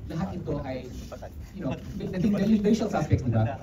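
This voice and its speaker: A middle-aged man with a Filipino accent, a film director answering press questions in rapid, animated Filipino mixed with English, with many restarts. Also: fairly high pitch, over a noisy crowd. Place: media conference room. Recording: dull, roomy, distant, with background noise.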